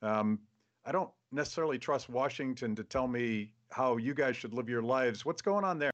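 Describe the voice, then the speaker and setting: A man hosting a show, interviewing a guest over a video call and talking haltingly with many restarts. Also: mid-range voice, expressive, a bit bright, muffled recording. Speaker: show host.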